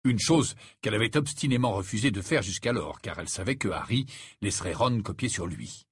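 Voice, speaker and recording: A man narrating an audiobook in an expressive storytelling way. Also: lowish voice, fairly quick, husky, no room sound, studio quality.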